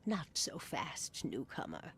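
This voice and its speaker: An actress playing a mysterious, sly fortune teller in a video game, giving cryptic prophecies in a dramatic, often hushed voice. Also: female voice, low voice, huge pitch swings, takes it slowly, slight background noise, full character voice. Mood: sly, bargaining.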